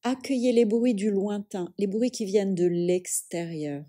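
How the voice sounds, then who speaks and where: A woman takes listeners through yoga nidra relaxation as their teacher. Her mid-range voice is calm and soothing, delivered in measured phrases with long pauses.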